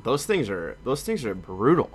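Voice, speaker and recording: A young man, a former college football player, chatting casually and telling stories with lively, acted-out quotes. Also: medium pitch, normal speed, husky. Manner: animated storyteller, acts out quotes. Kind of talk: casual chat.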